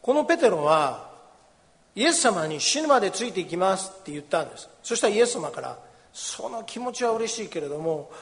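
A man, a pastor, giving a sermon with Bible reading, explaining gently in a conversational way in a church. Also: high-pitched. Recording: long reverb of a large hall.

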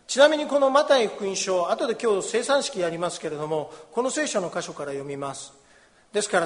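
A man, a pastor, giving a sermon with Bible reading, explaining gently in a conversational way in a church. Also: high-pitched. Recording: long reverb of a large hall.

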